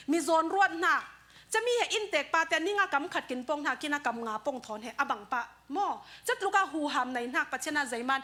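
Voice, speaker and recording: Woman, preacher, sermon, conversational, high pitch, bright tone. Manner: conversational preaching, mixes in English words.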